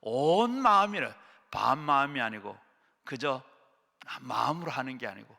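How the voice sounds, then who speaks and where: A middle-aged male pastor preaching a fervent sermon, swinging between loud shouts and hushed low lines, at a prayer retreat hall. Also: animated, a little slow, gravelly.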